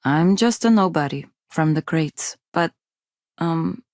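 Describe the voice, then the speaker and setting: An actress voices a shy, self-doubting young adult undergraduate from a poor space colony in video game dialogue, her manner hesitant and awkward. Her female voice is low-pitched, expressive, slow and darkish in tone, recorded clean in a studio with no room sound.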